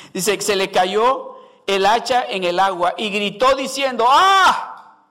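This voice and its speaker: Bright-voiced preacher with high pitch. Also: male voice. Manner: emphatic, questions the congregation, acts out scripture. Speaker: pastor. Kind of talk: sermon.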